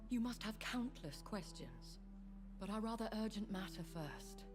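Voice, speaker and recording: A woman's voice: mid-range voice, sing-song, moderate pace, lightly acted. An actress playing a poised, guarded aristocratic female vampire who speaks in formal, elegant phrases. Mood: composed. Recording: game audio with loud music underneath.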